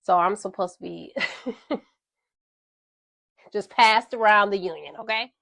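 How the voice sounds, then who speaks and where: A congested woman with a slightly stuffy, gravelly, somewhat bright voice hosts a frank storytime podcast, speaking directly to her listeners. Her medium-pitched delivery is unhurried, and the recording has no room sound.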